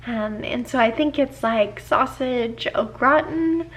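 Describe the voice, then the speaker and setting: In an echoey room, a young woman vlogger casually walks viewers through her routine at home, explaining each step as she moves through a narrow laundry room and kitchen. Her voice sits on the high side, slow and fairly bright.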